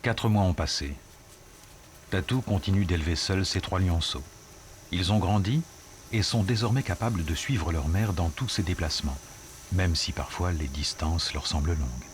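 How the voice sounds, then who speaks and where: A man reading scripted nature documentary narration in a measured, explanatory storytelling manner. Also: sits low, a little hiss or hum. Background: music under the voice.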